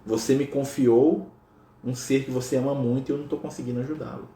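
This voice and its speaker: A Brazilian man speaking as a humble, tearful friar in a soft, pleading voice. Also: medium pitch, steady tone, brisk, slight background noise, lightly acted. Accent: Brazilian Portuguese. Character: humble weeping saintly friar. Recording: roomy echo.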